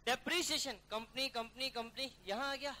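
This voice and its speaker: Male teacher, bright forceful voice, drills a class through a worked problem, faint hiss behind. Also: extremely high pitch. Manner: brisk, coaxing students to call out figures; calls students "beta" and "yaar". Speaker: accounting teacher.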